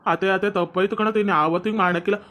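A woman's voice: medium pitch, fairly even intonation, very fast, fairly bright tone, close to an everyday voice. A woman playing a meek, apologetic young village man in a comedy skit, speaking with a North Karnataka Kannada accent. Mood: pleading. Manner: pleading, apologetic.

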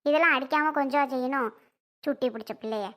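A fussing old grandmother, scolding and protective of her granddaughters, as a woman acts her out. She lectures in a very high, thin voice and breaks into dramatic sighs. It is a homemade family comedy skit. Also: fast talker, a bit bright.

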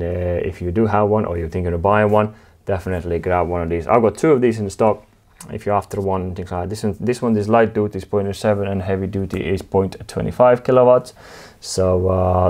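Low-voiced man explaining drive setup. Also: darkish tone. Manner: halting, many fillers and restarts, informal. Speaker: channel host demonstrating equipment. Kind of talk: casual technical demonstration.

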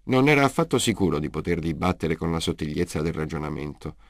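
A man narrating a science fiction audiobook in a steady, measured reading. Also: very deep voice, no echo, clean studio sound.

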